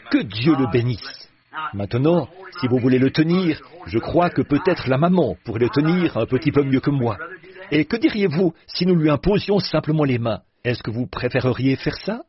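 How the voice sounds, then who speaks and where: An older man preaching to a congregation, folksy and joking as he chats with the people in front of him. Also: fairly high pitch. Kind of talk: sermon. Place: church platform before a congregation. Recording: muffled old recording, audience heard.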